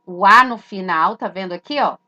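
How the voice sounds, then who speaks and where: A woman's voice: mid-range voice, normal speed, bright, forceful tone, dull audio. A woman, giving an explanatory lesson that points at letters and poses rhetorical questions she answers herself. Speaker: religious teacher.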